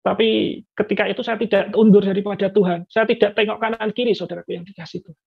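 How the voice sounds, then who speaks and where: A man's voice: sits high, fairly even intonation, quick pace, gravelly, slightly rough. A man giving a personal faith testimony to a congregation, speaking earnestly and often addressing the listeners directly as brothers and sisters. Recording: dull lo-fi recording.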